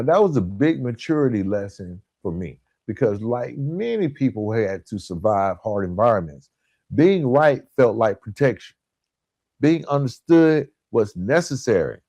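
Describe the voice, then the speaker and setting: A man hosts a motivational self-help podcast, speaking emphatically and instructively, pausing deliberately and stressing key words. His mid-range voice is a little mellow, with no echo.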